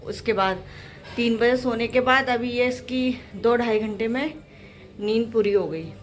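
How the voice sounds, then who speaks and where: A young woman with a slightly high voice, chatting to the camera in a casual daily vlog. She talks easily and at length about her day and her baby son while she cooks and cleans. She records at home in her kitchen. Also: a little slow. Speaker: vlogger and mother.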